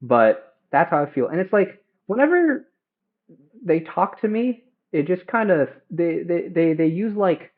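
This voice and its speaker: A young man chatting casually and haltingly while cooking at home, livestreaming through headphones used as a mic. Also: high-pitched, very animated, narrow, tinny audio. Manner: hesitant, halting, self-questioning. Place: home kitchen. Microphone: headphones used as a phone mic.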